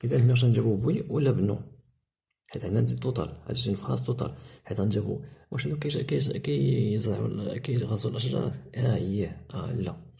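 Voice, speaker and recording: A man with a Moroccan Arabic accent, a French teacher explaining a textbook lesson, mixing Arabic with French terms and reading examples slowly. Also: medium pitch, vocal fry, warm tone.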